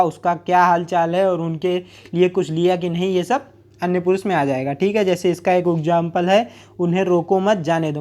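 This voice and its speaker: A man's voice: high-pitched, a little mellow. A man teaching a grammar lesson, explaining plainly with everyday examples and repeating key points.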